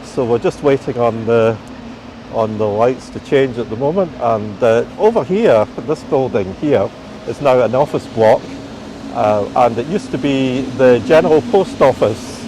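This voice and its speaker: A man's voice: mid-range voice, animated. Scottish man guiding outdoors, street noise behind. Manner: informal, halting explanations. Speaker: tour guide. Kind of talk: live walking tour commentary. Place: outdoors on a rainy city street.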